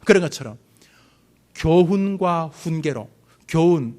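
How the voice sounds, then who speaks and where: A man's voice: on the high side, lively intonation, takes it slowly, a little mellow. A man preaching a sermon as pastor, building fervor with rhetorical questions and calls for the congregation to repeat after him.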